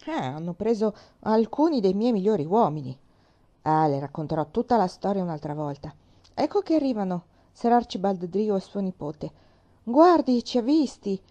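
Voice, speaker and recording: A woman's voice: medium pitch, big pitch swings, moderate pace, mellow, muffled recording, lightly acted. A woman voicing a hearty, frank old navy admiral who chats on cheerfully in a storybook reading. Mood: chatty. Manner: bluff, chatty and frank.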